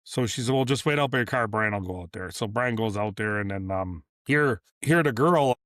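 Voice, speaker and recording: Brief: deep-voiced man, business owner guest, loose storytelling, dry close sound. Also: brisk, a bit bright, no room sound. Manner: rambling, repeats and restarts, acts out dialogue. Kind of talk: casual storytelling interview.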